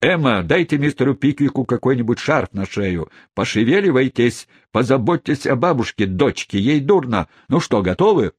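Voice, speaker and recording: A man's voice: mid-range voice, sing-song, moderate pace, hardly any pauses, slightly rough, no echo, voice pushed up. A man playing a bellowing stout old host. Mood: urgent. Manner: bellowing, commanding.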